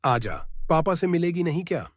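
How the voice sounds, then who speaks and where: A woman voicing a kindly middle-aged father who speaks gently and with care to his daughter. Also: fairly low pitch, lively intonation, normal speed, pitched below the performer's own voice. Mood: fond. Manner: gentle, caring.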